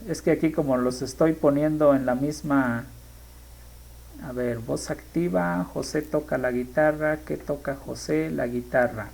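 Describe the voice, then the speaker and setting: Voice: medium pitch, gravelly, darkish tone, rough recording. A teacher explaining grammar in a lesson, thinking aloud and stopping often to correct themselves. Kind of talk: screen-share grammar lesson.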